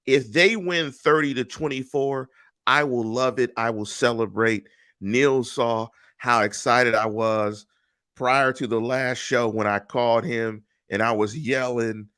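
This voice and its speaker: Middle-aged guy hosting a sports pod, bright forceful voice, dry close mic. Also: medium pitch, fairly even intonation, measured pace, no echo. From Pittsburgh. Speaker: podcast host. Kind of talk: casual sports podcast chat. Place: home room. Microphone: headset and studio mic on video call.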